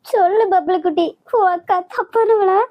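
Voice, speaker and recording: A woman voicing a hurt, hot-tempered elder sister who speaks slowly and low, with a Kanyakumari Tamil accent. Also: dull audio. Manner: slow, lower, subdued.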